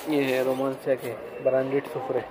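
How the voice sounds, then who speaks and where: A man's voice: mid-range voice, monotone, fairly quick. A man in his thirties casually vlogging a restaurant meal and a night drive on his phone, chatty and enthusiastic, often adding religious blessings. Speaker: food vlogger. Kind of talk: casual food vlog. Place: restaurant cabin, then inside a car at night. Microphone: handheld phone camera. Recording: noisy street and car background.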